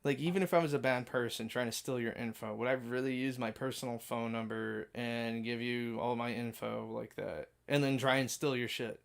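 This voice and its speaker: Man streaming, ranting, cursing a lot, animated, acts out quotes, mid voice. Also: mid-range voice, moderate pace, gravelly, hardly any pauses. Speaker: live streamer. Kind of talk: casual rant to stream chat.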